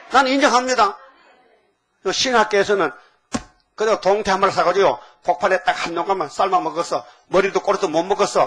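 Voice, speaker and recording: An older man preaching a sermon. He speaks in a folksy way and keeps asking the congregation quick questions. He reads scripture slowly and loudly, and now and then acts out a drill instructor's commands. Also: sits high. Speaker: pastor.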